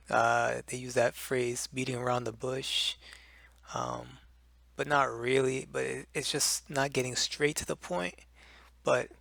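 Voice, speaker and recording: A man walks through an English pronunciation lesson at an unhurried pace. His voice has a gravelly, creaky texture, and he fills pauses with "um" and "uh". The sound is dry and close, with no room echo. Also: medium pitch, a bit bright. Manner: slow and deliberate, with many fillers. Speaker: language teacher. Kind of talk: explaining pronunciation.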